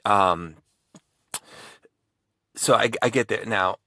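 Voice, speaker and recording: A man's voice: lowish voice, slow pace, pushed and bright, no echo. A man who hosts true crime videos, telling a personal story in a casual, rambling way with many restarts.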